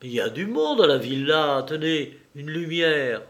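A man voicing a commanding, sardonic gentleman burglar in an audiobook reading, brisk and bossy with his accomplices. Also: fairly high pitch, sing-song, highs cut off.

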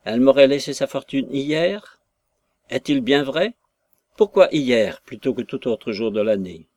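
A man's voice: medium pitch, lively intonation, unhurried, a little mellow, no echo, close to an everyday voice. A man voicing a blustering indignant old father. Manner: indignant, accusing questions.

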